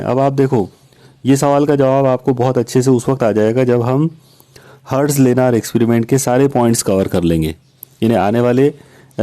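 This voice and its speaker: A man's voice: mid-range voice, dark tone. A man teaching physics, patiently working through exam questions and often checking in with his listeners. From India. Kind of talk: recorded lecture solving exam questions.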